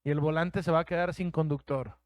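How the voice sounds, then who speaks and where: A male pastor with a Mexican Spanish accent delivers an emphatic sermon and acts out the voices he quotes. His voice sits high and rings smooth and resonant. The sound is dry and close. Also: fairly even intonation, a little fast, dry recording.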